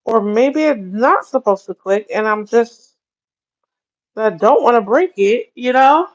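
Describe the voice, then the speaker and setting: A woman's voice: fairly high pitch, animated, measured pace, lo-fi sound. A woman chatting casually on a livestream, rambling and often laughing as she talks. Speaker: livestream host.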